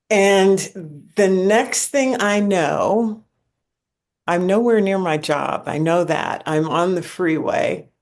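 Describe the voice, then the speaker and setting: A woman in her forties, the host, telling a personal story in an earnest, reflective way. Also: mid-range voice. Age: 40s.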